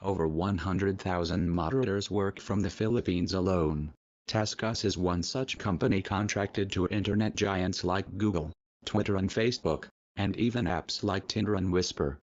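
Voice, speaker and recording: A disguised, artificially deepened male voice, very low and heavy. He reads a scripted message in a solemn, measured, declamatory way. The audio is dull and lo-fi, with a dry, close sound and no room around it. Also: no room sound. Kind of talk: scripted narration of a protest message.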